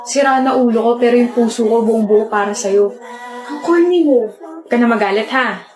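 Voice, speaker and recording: High-voiced woman bickering in an echoey room. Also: normal speed, darkish tone. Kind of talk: acted comedy skit dialogue.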